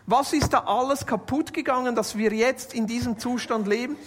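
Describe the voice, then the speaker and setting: A woman's voice: a little high, normal speed. Woman giving a chatty, repetitive sermon. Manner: conversational, with light jokes and repeated phrases; builds points by listing and restating. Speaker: preacher.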